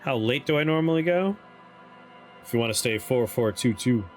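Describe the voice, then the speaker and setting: A man's voice: medium pitch, expressive, moderate pace. A man livestreaming a game, chatting casually and reading options aloud as he plays. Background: faint game music.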